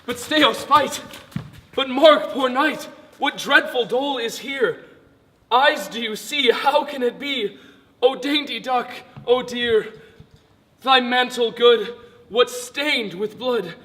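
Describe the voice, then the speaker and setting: A man's voice: very high-pitched, takes it slowly, bright, forceful tone, exaggerated voice. A man acting a pompous weaver who plays a tragic lover, overblown and melodramatic. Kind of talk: live stage acting. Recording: echoey hall, reverberant stage.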